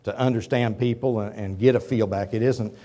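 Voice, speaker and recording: In a fairly quick, mellow voice that is fairly low and steady, an Oklahoma businessman in his fifties gives a rambling guest lecture in a university auditorium. His folksy public talk is full of asides to the audience, and he is losing his voice to a cold.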